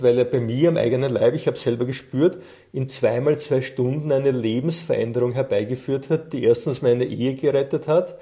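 A coach and trainer in middle age relates his own stories during an interview where he's the guest. The delivery is conversational, mellow, and relaxed, at a standard male pitch.

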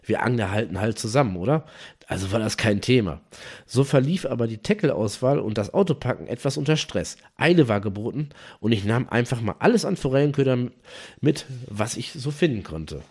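A man hosting a podcast, telling a personal anecdote in an animated, slangy way and talking straight to his listeners. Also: medium pitch, fairly quick, slightly rough. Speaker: podcast host. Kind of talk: storytelling podcast narration.

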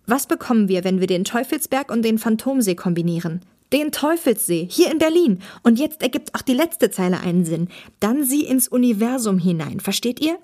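A woman reading the part of an eager young male podcaster who solves riddles with excitement. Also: fairly high pitch.

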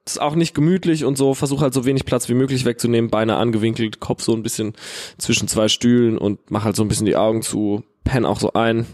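A man with a Palatinate German accent telling an animated, slangy story in casual chat, full of fillers. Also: medium pitch, fast talker.

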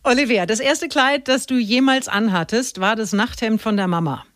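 A woman hosting a conversational radio interview, putting lively, direct questions to a guest. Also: fairly high pitch, moderate pace, no echo, studio quality. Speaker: radio talk show host.

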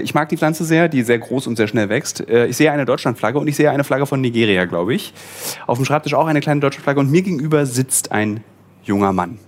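A man hosting an interview podcast from a small office, chatting casually with wry, self-deprecating asides. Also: mid-range voice. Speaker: podcast host and journalist.

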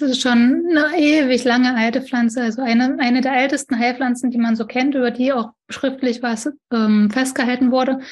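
German woman explaining smoke-cleansing herbs. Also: on the high side. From East Germany. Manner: demonstrates objects while talking, frequent self-corrections. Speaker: herbal smoke-cleansing practitioner. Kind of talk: casual explanatory chat.

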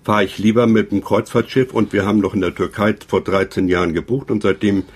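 A man who is a guest on a podcast, speaking from a ship's cabin and telling stories in a measured, slightly halting way. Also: fairly low pitch, fairly even intonation, breathy edge. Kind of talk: casual conversation. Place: ship cabin at sea.

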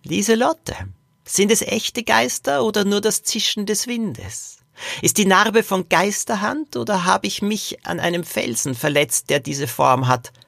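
A man voicing a gruff, secretive old great-grandfather in a high, cackling voice for a children's audio story. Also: a little slow, a bit bright, dry recording, clean studio sound, exaggerated voice. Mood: teasing. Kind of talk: audiobook character voice.

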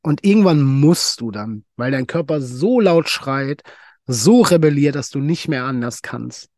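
A man's voice: medium pitch, animated, a little slow, a little mellow, no echo, studio quality. A man hosting a solo podcast monologue, emphatic and blunt, swearing freely and repeating phrases for effect. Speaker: podcast host.

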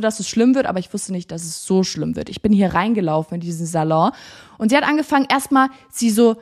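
A young woman hosting a podcast, telling a story in a chatty, animated, slangy way. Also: medium pitch. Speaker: podcast host. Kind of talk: casual storytelling monologue.

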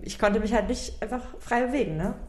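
A woman's voice: fairly high pitch, fairly quick. A young woman co-hosting a podcast, chatting casually about early motherhood with lots of fillers and tag questions. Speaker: podcast co-host. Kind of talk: casual chat.

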